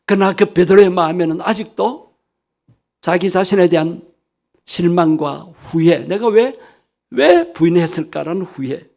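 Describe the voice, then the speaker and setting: A man's voice: high-pitched, gravelly, warm tone. A male pastor delivering an earnest sermon, lifting his voice to speak the questions of Jesus with emphasis.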